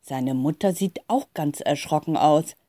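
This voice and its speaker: A woman reading a children's story aloud in a calm, expressive way. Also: low voice, a little slow, dry recording. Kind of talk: scripted storybook narration.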